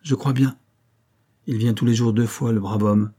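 A man's voice: medium pitch, fairly even intonation, moderate pace, mellow, breathy edge, close to an everyday voice. A man voicing a chatty, gullible woman concierge who gossips effusively. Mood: gossipy.

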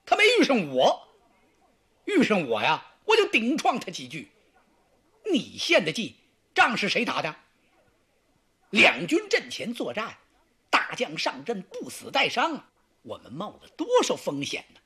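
A storyteller spins a traditional tale in a radio studio, adding vocal sound effects for blows and drawn swords. The voice is bright and a little breathy, and the pitch leaps dramatically from phrase to phrase. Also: huge pitch swings, unhurried, pauses often.

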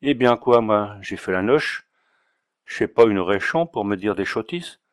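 A man voicing a coarse, drunken male water carrier from Auvergne who lisps his s-sounds as 'ch' and pleads slowly in an audiobook reading. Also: on the low side, expressive, dry recording, studio quality. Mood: sulky. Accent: Auvergnat slur, 'ch' for 's'. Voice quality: slurred lisping 's' as 'ch'. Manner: slow, whiny and pleading.

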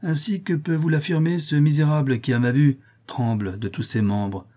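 A man's voice: on the high side, steady tone, normal speed, warm tone, pitched above the performer's own voice, lightly acted. A man reading the lines of an older male counselor in an audiobook, earnest and emphatic. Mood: formal.

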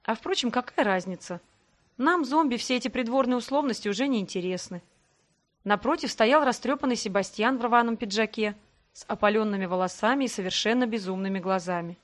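A woman narrating a first-person fantasy audiobook in an expressive voice with dry irony. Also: fairly high pitch, a little fast.

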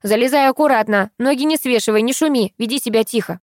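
A woman's voice: a little high, quick pace, dry recording, studio quality, pitched above the performer's own voice, natural voice. A woman voicing a bossy, grumpy old woman on a train who curtly orders a passenger around. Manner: curt, ordering.

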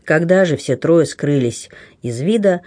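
Expressive male audiobook narrator. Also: fairly high pitch, measured pace. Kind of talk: scripted narration.

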